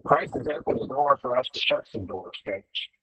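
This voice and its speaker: A man calling in while driving, his voice on glitchy call audio that keeps breaking up, talking haltingly with restarts. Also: medium pitch, fairly bright tone, breathy edge, dry recording, lo-fi sound. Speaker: caller. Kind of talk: call-in comment on a faith show.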